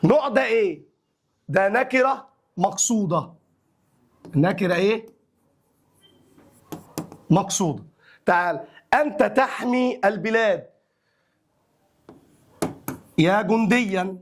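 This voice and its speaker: A young man with an Egyptian accent and a fairly high voice teaches a grammar lesson. He stretches out each example phrase slowly, then moves quickly through the explanation in an easy colloquial way. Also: expressive, a little hiss or hum.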